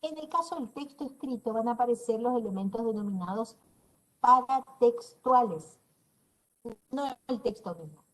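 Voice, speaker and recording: Over a video call with poor audio, a middle-aged university lecturer from northeastern Argentina teaches an online class in a fairly high voice at a moderate pace. Her northeastern Argentine Spanish accent is clear as she walks through the material step by step, checks in with her listeners often and slips in dry, teasing remarks.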